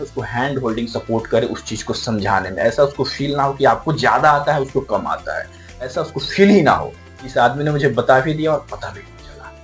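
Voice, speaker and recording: A man giving a video lesson on communication, explaining point by point with emphasis and mixing in English terms. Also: medium pitch. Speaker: communication skills trainer. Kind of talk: lecture-style video lesson. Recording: faint background music.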